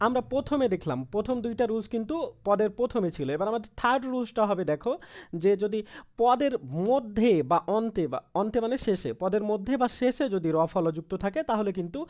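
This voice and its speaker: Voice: medium pitch, a little mellow. A teacher from Bangladesh with a Bangladeshi Bengali accent, giving an online grammar lesson and patiently repeating each example, with English words mixed into the talk.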